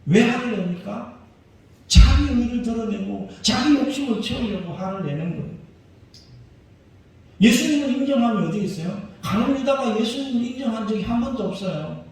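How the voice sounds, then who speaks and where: High-voiced male pastor in an echoey hall. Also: lively intonation, moderate pace, darkish tone. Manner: emphatic, asks the congregation rhetorical questions. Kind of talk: sermon. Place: church sanctuary. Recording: very echoey church hall, voice far from mic.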